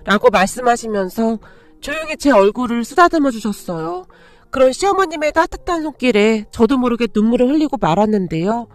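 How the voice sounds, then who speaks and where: A woman narrating a first-person story in a steady reading voice. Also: a little high, a little fast, no echo. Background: faint background music.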